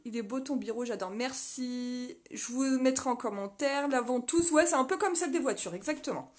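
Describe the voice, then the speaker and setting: Touring her small indoor home office on a live video, a chatty vlogger rambles with many fillers and restarts, laughing often and reading viewer comments aloud. Her high-pitched, slightly mellow voice moves at a moderate pace, picked up by a phone mounted on a stand.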